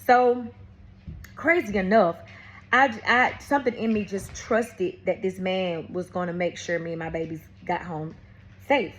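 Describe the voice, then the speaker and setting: A woman's voice: lowish voice, normal speed, a little hiss or hum. Woman telling a story to viewers. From Atlanta, USA. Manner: talks straight to viewers, calls them y'all and baby; animated storytelling with frequent restarts. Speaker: vlogger. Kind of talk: casual testimony storytelling.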